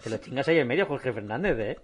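A man's voice: medium pitch, lively intonation, fast talker. A man co-hosting a podcast in casual chat, rambling and stammering through slangy jokes. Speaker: podcast co-host.

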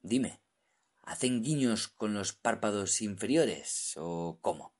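A man voicing a gruff, middle-aged sea captain who speaks curtly and gives orders. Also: fairly low pitch, lively intonation, slow pace, a little mellow. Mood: commanding. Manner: curt, commanding.

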